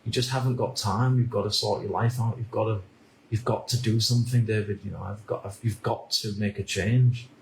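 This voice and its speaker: A man in his thirties from the UK, musing aloud in a slow, halting vlog monologue with many restarts. His voice sits on the low side with a gravelly edge. It is recorded in an echoey room over a faint ambient hum. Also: steady tone. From United Kingdom. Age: 30s. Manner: halting, repeats words and restarts often. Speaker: vlogger. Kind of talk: reflective personal monologue.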